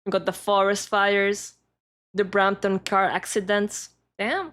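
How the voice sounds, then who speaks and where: Female VTuber, casual reaction stream, crisp bright tone, short playful quips. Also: mid-range voice, flat delivery, measured pace. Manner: brief, playful interjections.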